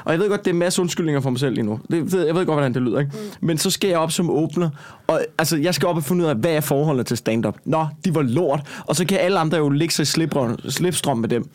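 Comedian guy ranting about a gig, swears loads, voice a bit high. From Copenhagen. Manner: swears a lot, heated and animated when retelling. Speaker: stand-up comedian. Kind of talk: casual chat, storytelling.

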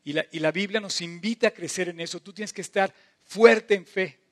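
A middle-aged man preaching a sermon, impassioned, swinging between loud emphatic bursts and soft drawn-out phrases. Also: sits high.

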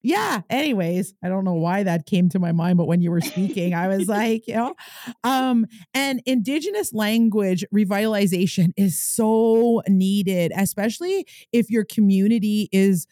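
A woman's voice: mid-range voice, normal speed, dark tone, no echo, clean studio sound. A woman hosting a podcast, who chats casually and rambles a little as she encourages her guest. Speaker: podcast host. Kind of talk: casual interview chat.

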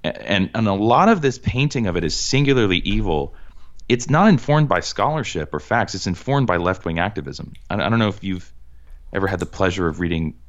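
A man's voice: low-pitched, lively intonation, a little fast. A man from Massachusetts hosting a casual conversation, talking earnestly with frequent restarts and firm emphasis. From Cambridge, Massachusetts. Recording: dull lo-fi sound.

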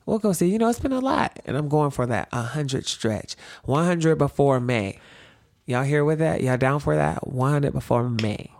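Playful, animated man in his late twenties. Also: on the high side, normal speed, no echo. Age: 20s. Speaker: podcast co-host. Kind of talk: casual couple's podcast chat.

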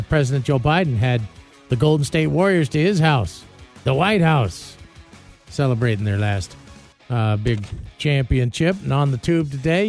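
A man's voice: mid-range voice, a little mellow. A man hosting a casual morning radio show, running through sports news and stories in a loose, rambling way with fillers.

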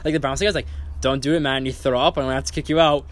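A man's voice: mid-range voice, steady tone, rapid-fire. A young man telling a story in casual chat, acting out quotes and swearing freely. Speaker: guest storyteller.

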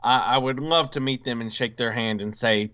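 A man co-hosting a casual podcast, sounding eager and stumbling into restarts as he talks. His voice is smooth and resonant at a middle pitch. The recording sounds somewhat dull and lo-fi. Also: bright, forceful tone. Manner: enthusiastic, halting with restarts. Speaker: podcast co-host. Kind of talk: casual chat.

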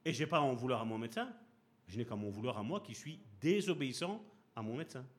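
A man preaching a lively, conversational sermon, acting out little scenes and asking his listeners questions. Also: medium pitch, fast. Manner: animated, acts out little scenes and voices; conversational, asks the congregation questions.

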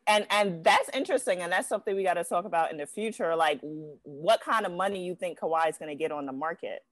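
Woman, lower-pitched, casual sports podcast host, dry close podcast mic sound. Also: fast, fairly bright tone, no echo.

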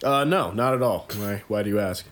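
A man's voice: lowish voice, fairly quick, fairly bright tone. A man co-hosting a podcast in casual banter, laughing often, teasing and swearing freely. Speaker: podcast co-host.

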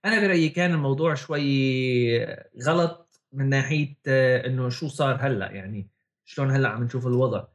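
A man with a Levantine Arabic accent co-hosting a casual tech chat, often repeating words as he searches for phrasing. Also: mid-range voice. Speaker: podcast co-host.

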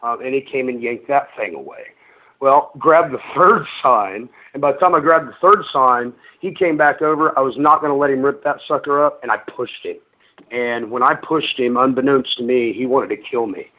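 A man's voice: mid-range voice, normal speed. Chatty man on a phone-thin line. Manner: rambling, many ums and restarts, chatty. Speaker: guest, pro wrestler. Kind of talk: casual radio interview storytelling. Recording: narrow phone-like radio sound.

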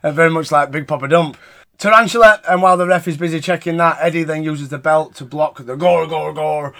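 A British man chats through a wrestling review as a podcast host. His voice sits slightly high for a man. The delivery is informal and sweary, like talk between mates. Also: fairly quick, fairly bright tone. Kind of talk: casual recap chat.

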